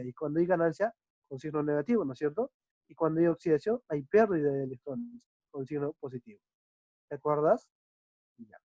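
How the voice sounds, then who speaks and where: A male chemistry teacher explaining a lesson patiently, often checking understanding with quick tag questions. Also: on the high side, a little mellow, no room sound. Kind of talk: online class explanation. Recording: dull dry lo-fi recording.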